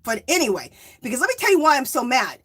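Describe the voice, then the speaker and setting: A woman's voice: sits high, sing-song, quick pace, fairly bright tone, a little hiss or hum. A woman hosting a yarn crafting livestream, chatting casually with viewers, reading their comments aloud and laughing often, stressing her points with "okay?" and "Hello?". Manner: emphatic, tags lines with "okay?" and "Hello?". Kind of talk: casual chat with live viewers.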